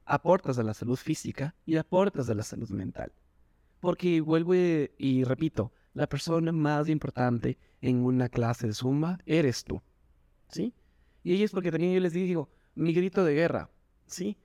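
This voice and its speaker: A man, a doctor and Zumba instructor, talking with animated energy in a podcast interview, acting out quotes in a higher voice. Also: moderate pace, dry recording, clean studio sound. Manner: animated, jumps in pitch when quoting people. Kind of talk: enthusiastic interview talk.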